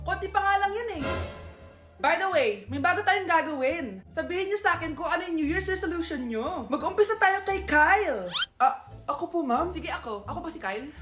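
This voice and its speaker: Very high-voiced woman in comedy skits. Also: fairly bright tone. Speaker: comedy skit creator. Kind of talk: comedy skit acting. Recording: echoey room with faint music.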